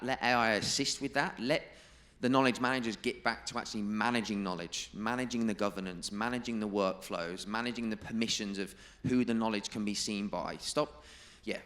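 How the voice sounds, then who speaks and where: A man giving a presentation to a live audience, emphatic and stressing key figures and quotes by repeating them slowly. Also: lowish voice, a bit bright. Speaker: conference presenter. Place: conference room.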